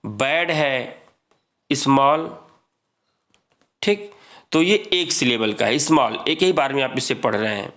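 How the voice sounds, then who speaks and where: A man teaching English grammar in a lesson, reading rules slowly and explaining them with many repetitions. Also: a little high, fairly bright tone. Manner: reads English rules slowly, then explains, repeating "ठीक है".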